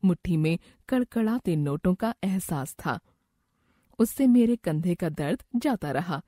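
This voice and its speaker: A woman reading a first-person moral story aloud in an even, scripted narration. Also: fairly low pitch, unhurried, dry recording, clean studio sound.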